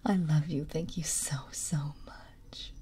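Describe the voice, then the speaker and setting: A woman speaks in a very breathy, husky whisper that's deep and raspy, with a soft, mellow tone. Streaming close-up ASMR, she talks slowly and gently and giggles often between lines.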